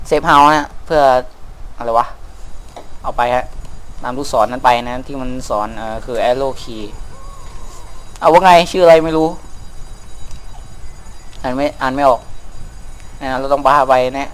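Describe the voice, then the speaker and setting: A man's voice: medium pitch, unhurried, long pauses, fairly bright tone, low-quality recording. A young man giving crude, joking commentary over a game he is playing. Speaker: gameplay commentator. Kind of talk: casual let's play commentary.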